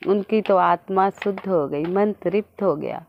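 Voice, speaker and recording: A woman narrating a devotional folk tale in a simple, unhurried storytelling manner. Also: medium pitch, muffled recording.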